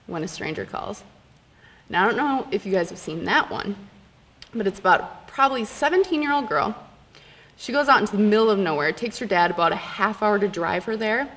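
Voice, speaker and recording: A young woman telling a funny personal story on stage at a live storytelling event, animated and laughing often. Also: mid-range voice, a little hiss or hum. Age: young adult. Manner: animated, laughing, dramatic pauses. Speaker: student storyteller.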